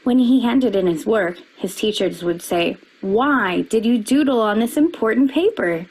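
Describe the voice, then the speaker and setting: A woman reading a children's picture book aloud, with expressive storybook delivery that rises for quoted lines. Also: on the high side, measured pace, slightly rough, poor audio.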